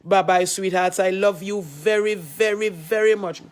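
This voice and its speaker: A woman's voice: mid-range voice, fairly even intonation, normal speed. A woman pastor with a Jamaican accent, talking to her followers on a livestream, affectionate and pleading, repeating her phrases.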